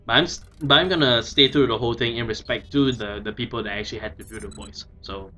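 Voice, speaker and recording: A man giving casual game commentary, thinking aloud in a hesitant, halting way. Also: medium pitch, sharp tone, slight background noise. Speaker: let's play commentator.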